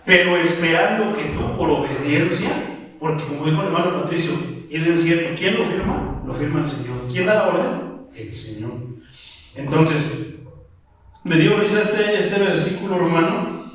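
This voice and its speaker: A man's voice: on the high side, distant mic. A man preaching a casual Bible commentary, telling stories and calling his listeners brother. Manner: conversational, storytelling, addresses listeners as brother. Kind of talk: informal church Bible commentary. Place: church hall. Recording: very echoey hall, voice off-mic.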